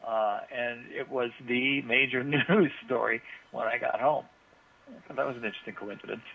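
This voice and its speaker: A man co-hosting a radio talk show from a remote location by phone, chatting casually with frequent filler words. His phone voice is played through a loudspeaker and recorded again. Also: medium pitch, normal speed, vocal fry, slightly rough. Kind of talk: casual chat. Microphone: telephone. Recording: tinny phone line played through a speaker, faint noise.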